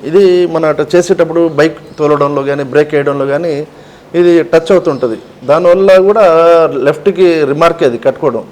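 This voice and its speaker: A man, a shop owner explaining things slowly and emphatically as an interview guest. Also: fairly high pitch, darkish tone, low-quality recording. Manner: slow, emphatic, explains step by step.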